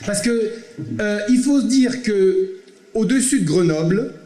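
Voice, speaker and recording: Filmed by an amateur camera in a theatre, this Provençal French-accented man delivers a stand-up monologue that slips from theatrical audience banter into solemn recitation. The voice sits high yet dark in tone, expressive and a little slow, and the space is reverberant.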